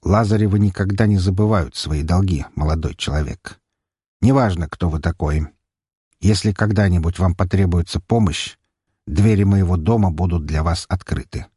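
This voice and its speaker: A man's voice: low voice, dark tone, slightly rough, no room sound, studio quality. A man doing a menacing old count. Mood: grave. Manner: slow, threatening, grave. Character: stern, menacing aristocratic count, older father. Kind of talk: audiobook character voice.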